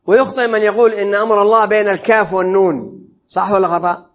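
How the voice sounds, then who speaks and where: A man's voice: high voice, fairly even intonation, fast talker. A man teaching a religious creed lesson, explaining phrase by phrase and putting questions to his listeners. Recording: dull lo-fi lesson recording.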